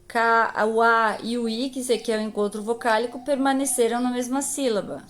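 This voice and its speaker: A woman's voice: on the high side, fairly even intonation, a little fast. A woman teacher with a Brazilian accent giving a recorded grammar lesson to young pupils, patiently stretching out the example words. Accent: Brazilian Portuguese. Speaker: primary school teacher.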